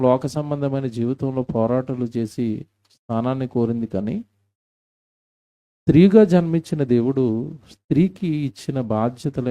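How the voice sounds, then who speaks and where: A man's voice: medium pitch, warm tone. A man preaching a live-recorded church sermon, asking the congregation questions and reading scripture with emphasis. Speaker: pastor. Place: church hall.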